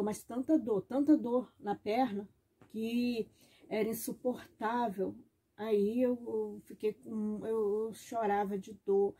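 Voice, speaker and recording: A woman's voice: medium pitch, mellow, slightly rough. A woman recording a personal testimony in her bedroom at home, retelling events in a rambling, repetitive, emotional way. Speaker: vlogger.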